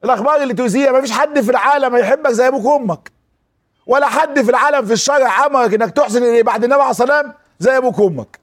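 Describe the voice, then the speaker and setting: A man's voice: very high voice, rapid-fire. A man speaking with an Egyptian Arabic accent, giving a religious lesson to an audience and acting out quoted speech as he tells stories. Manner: animated storyteller who acts out quoted speech. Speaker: preacher.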